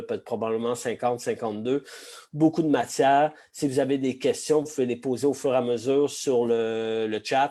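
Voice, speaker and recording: A middle-aged man with a Québécois accent, slightly hoarse today, presenting an online masterclass over a video call in a chatty way full of hesitations and asides. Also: mid-range voice, dark tone. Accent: Québécois French. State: slightly hoarse, frog in the throat. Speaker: sake expert giving a masterclass.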